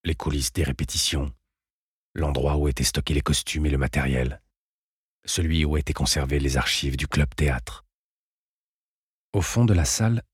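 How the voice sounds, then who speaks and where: Deep, husky male audiobook narrator. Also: a little mellow, no room sound, studio quality. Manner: measured, sober storytelling. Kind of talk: first-person novel narration.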